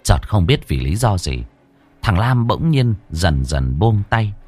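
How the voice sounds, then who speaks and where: Nam kể truyện ma, giọng trầm, lên xuống sinh động. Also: male voice, on the low side, slow, slightly rough, no echo, faint music behind. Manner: dramatic, lively storytelling. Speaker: storyteller. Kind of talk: scripted horror narration.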